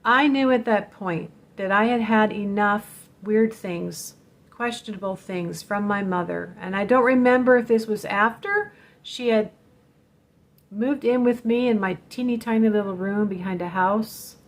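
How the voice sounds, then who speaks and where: This woman runs a spiritual vlog and shares a personal story in an earnest, straightforward manner, cautioning her viewers. She talks at a measured pace with a medium pitch.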